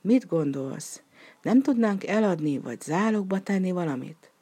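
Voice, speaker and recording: A woman's voice: fairly low pitch, expressive, warm tone, husky. A woman voicing a poor, pious old man who speaks meekly and with resignation in a storybook reading. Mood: pleading. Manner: meek, resigned.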